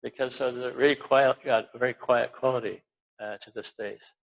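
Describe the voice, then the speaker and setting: Gravelly older man, rambling lecture. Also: mid-range voice, fairly even intonation, brisk. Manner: rambling, frequent fillers and restarts. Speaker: architect giving a slide talk. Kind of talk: informal lecture over slides. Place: lecture hall at an awards event. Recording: dull lo-fi lecture recording.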